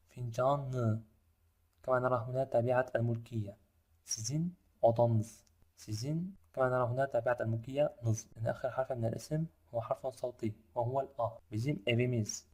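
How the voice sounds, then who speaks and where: A man's voice: medium pitch, a little mellow. Methodical man teaching a lesson. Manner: methodical, slows down to spell out example phrases. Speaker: language teacher. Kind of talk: explaining a lesson step by step.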